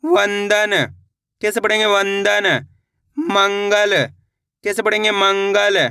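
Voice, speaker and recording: Slowly and in a completely flat, high-pitched voice with vocal fry and a sharp yet clean tone, a man spells out Hindi words syllable by syllable and repeats them. He encourages his viewers, addressing them as friends, in a dry, studio-quality recording.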